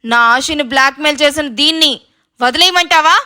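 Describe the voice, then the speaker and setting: Storybook villain: a woman playing a ruthless rich man, menacing, commanding, bright tone. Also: sits high, steady tone, moderate pace. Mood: furious.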